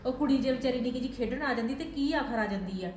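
A woman's voice: on the high side, quick pace, a little mellow, echoey room, a little hiss or hum, natural voice. A woman playing a wife in a family drama, complaining and hurt. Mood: exasperated. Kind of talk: scripted village family drama.

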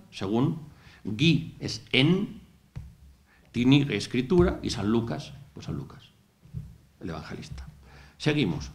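Methodical lecturer, lowish voice. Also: male voice. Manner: explains word by word, methodical, with asides. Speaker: university lecturer. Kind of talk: academic lecture. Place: lecture hall.

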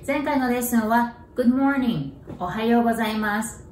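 A woman teaching a bilingual language lesson, slowly repeating words in careful pronunciation drills. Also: a little high, fairly even intonation. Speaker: English teacher. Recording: echoey room, distant mic, faint noise.

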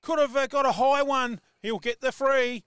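Australian bloke calling footy live, high clear voice, dry sound. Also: male voice, normal speed, no room sound. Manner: excitable, rising to shouts on big plays. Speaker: football commentator. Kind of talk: live play-by-play commentary.

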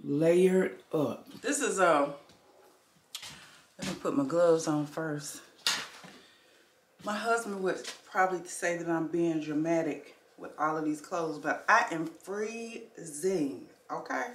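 A woman chats casually into her phone camera, greeting her viewers like family. She speaks slowly and easily. The recording has a roomy echo with a faint hum of background noise. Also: sits low. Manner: chatty, relaxed, addresses viewers as family and y'all. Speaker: vlogger. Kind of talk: casual vlog chat to camera.

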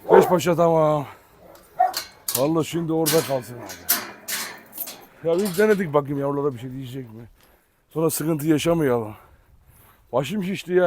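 High-voiced man calling his dogs outdoors. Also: background noise. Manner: calls and commands dogs loudly, chatty asides to viewers. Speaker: dog breeder filming his dogs. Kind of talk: casual vlog narration. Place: outdoor farm yard with dogs. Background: dogs barking.

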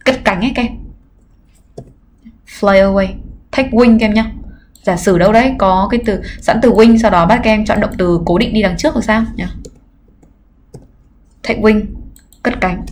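A woman English teacher giving a livestreamed exam review lesson, explaining patiently and pausing on filler sounds. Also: medium pitch, a little mellow, a little hiss or hum. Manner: explains patiently, often adds "các em" and "nhá"; frequent filler hesitations. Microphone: computer mic during livestream.

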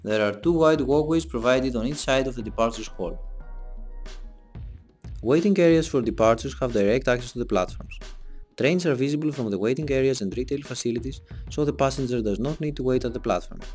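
A young man giving a scripted voice-over for a design presentation, in a measured, explanatory read. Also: mid-range voice. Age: young adult. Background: soft background music.

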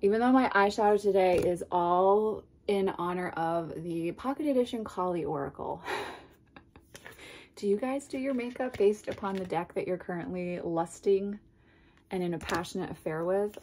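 Unboxing a card deck in her bookshelf-lined home, a woman in her thirties speaks in a low, congested voice from a cold. She gushes chattily to the camera set at desk distance, wandering into asides and quiet whispers, against slight background noise.

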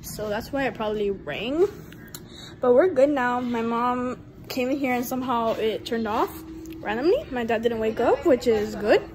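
A woman's voice: on the high side, animated, normal speed, rough recording. A teenage girl vlogging casually in her home kitchen, rambling and chatty with lots of fillers, filmed on a handheld phone. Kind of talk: casual cooking vlog. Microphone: handheld phone camera. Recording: loud appliance noise behind.

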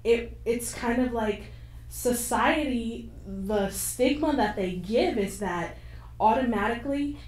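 A young woman on a panel, telling a candid personal story with animated, frank delivery into a handheld mic on a stage. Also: on the high side, slow pace. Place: stage of a screening room with an audience. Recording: echoey hall from far off, faint noise.

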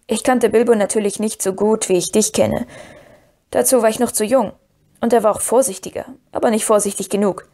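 Woman reading as Merry, calm shrewd hobbit. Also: medium pitch, fairly quick, close to an everyday voice. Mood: decisive. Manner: calm, decisive, knowing. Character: calm, shrewd young male hobbit friend.

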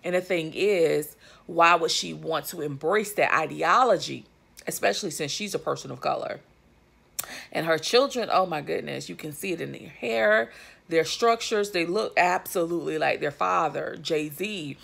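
Sitting on her living-room couch, a vlogger in her thirties chats emphatically to camera, with lots of fillers and asides, recorded on a phone or webcam held at arm's length. Her deep voice moves at a moderate pace and is slightly rough and a bit bright, with vocal fry.

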